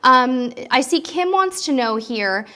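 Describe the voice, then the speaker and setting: A woman speaks slowly in a high, pushed, bright voice with lively intonation. She's hosting a live cruise-tips stream, responding to viewer questions in a chatty, upbeat manner full of ums, her voice a little stuffy from allergies.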